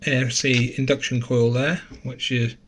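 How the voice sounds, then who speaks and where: A man's voice: medium pitch, flat delivery, a little slow, fairly bright tone, a little hiss or hum. Chatty man walking through a teardown. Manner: chatty, self-correcting, thinking aloud. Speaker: gadget reviewer. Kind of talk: casual teardown tutorial.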